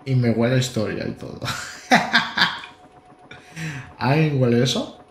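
A man's voice: mid-range voice, very animated, takes it slowly, fairly bright tone. A Spanish man in his thirties chats his way through a train simulator on a live stream. He talks loosely, joking and tripping over restarts. His voice sits in a roomy room with faint noise in the background. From Spain. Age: 30s. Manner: joking and rambling, with stammered restarts and bursts of laughter. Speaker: gaming streamer. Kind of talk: casual live-stream chat while playing a train simulator.

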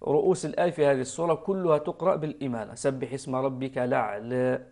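A man with a gravelly, creaky voice and an Algerian Arabic accent. He patiently explains recitation rules and demonstrates the pronunciation himself, like a teacher on a live broadcast. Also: medium pitch, fairly even intonation, fast talker, darkish tone.

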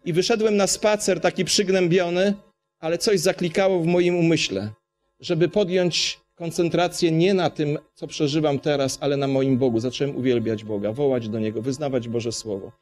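A man's voice: a little high, steady tone, normal speed, darkish tone, slight background noise. A man from Poland preaching a sermon, passionate, asking the congregation rhetorical questions.

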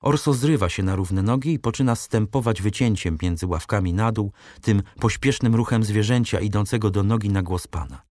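A man narrating a classic novel as an audiobook, reading in a measured, dramatic way. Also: on the low side, a little mellow, no echo, clean studio sound. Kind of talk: scripted literary narration.

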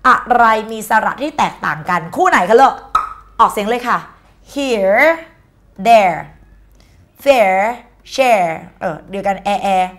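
A woman's voice: medium pitch, expressive, normal speed, a bit bright. A woman teaching an exam-prep English lesson in a chatty, playful way, mixing English words into her speech. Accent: Thai.

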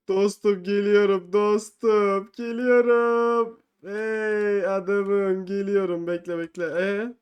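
Excitable high-voiced young man gaming. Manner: excitable, yelps and cries out when falling, then drops to low muttering; slangy, teasing banter with other players. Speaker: gamer playing an online game. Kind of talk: excited gameplay commentary.

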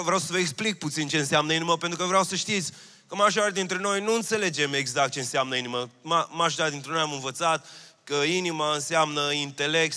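Preaching earnestly into a handheld mic, a man in his thirties from Romania serves as pastor on a church stage in a large hall. His pitch is fairly high and his tone sharp, and he repeats his key phrases. A long hall reverb marks the recording.

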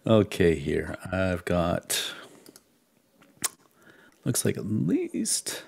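A man with a very low, gravelly voice and a husky edge chats casually as host of an online drawing session. He jokes at his own expense and laughs easily, speaking close to his mic. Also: huge pitch swings, drawn-out words, darkish tone. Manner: chatty, self-mocking, laughs easily. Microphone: close desk mic, wearing headphones.

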